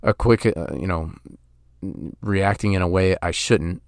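A man's voice: low-pitched, a little slow, no echo, studio quality. A man in his thirties hosting a motivational podcast, talking earnestly with many restarts and fillers. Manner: earnest, frequent restarts and "you know" fillers. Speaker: podcast host.

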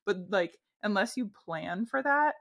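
A woman's voice: mid-range voice, expressive, unhurried, creaky, fairly bright tone. A woman co-hosting a podcast, telling stories in a chatty way with frequent "like.". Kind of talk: casual podcast chat.

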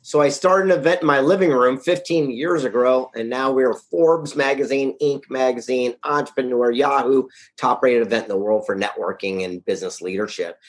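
A man's voice: medium pitch, normal speed. A man being interviewed as a guest, talking in an upbeat, punchy and blunt way. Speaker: guest, author and event founder. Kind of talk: casual interview talk. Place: Carlsbad, California.

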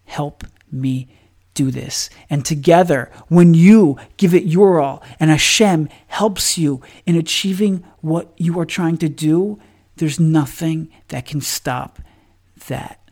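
A man's voice: on the high side, takes it slowly, a little mellow. A man hosting a podcast, giving a motivational religious talk with emphatic, repetitive phrasing that builds through stacked lines.

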